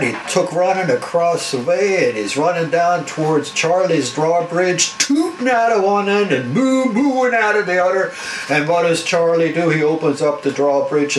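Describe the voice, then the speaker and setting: Man, Dutch German accent, drawling folksy joke teller; roomy, noisy archive recording. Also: a little high. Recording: roomy recording with background noise.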